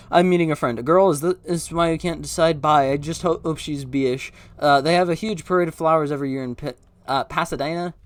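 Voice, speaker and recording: A man's voice: on the high side, no room sound, clean studio sound. A man reading a film script aloud at speed, tripping over words and correcting himself. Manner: stumbling, self-correcting, breathless. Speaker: script reader. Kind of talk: rapid comedic script read-through.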